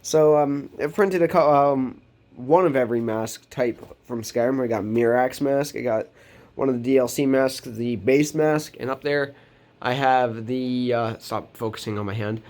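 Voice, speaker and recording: Recovering from a cold, a teen boy sounds nasal as he records a casual vlog in his bedroom. His mid-range voice is a little mellow at a moderate pace, and he rambles with frequent ums and restarts while moving about near the camera mic.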